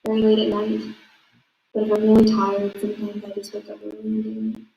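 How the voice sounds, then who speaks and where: Teen girl guest speaker, chatty and giggly, mid pitch, echoey room. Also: completely flat delivery, fairly quick, gravelly, warm tone, distant mic. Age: late teens. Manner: chatty, giggly, many likes. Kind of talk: casual conversation. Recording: roomy room echo.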